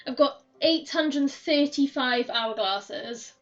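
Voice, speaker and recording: Hoarse woman chatting on stream. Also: high voice, slow, faint music behind. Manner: chatty, rambling, laughs often. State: hoarse, losing her voice. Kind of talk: casual chat while gaming. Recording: dull, slightly distant mic.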